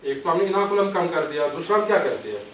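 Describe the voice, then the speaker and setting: In an echoey lecture hall, heard through a distant mic with faint hiss, a man with a Kashmiri accent trains his audience step by step. His voice is a little high and sing-song, and he asks questions, answers them, and drops in English terms.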